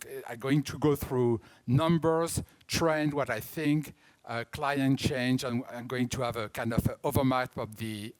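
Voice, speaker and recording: Speaking at a conference as an auction house director, this native French speaker from France is in his fifties and has a medium-pitched voice and a French accent. His explanations are halting, with frequent restarts.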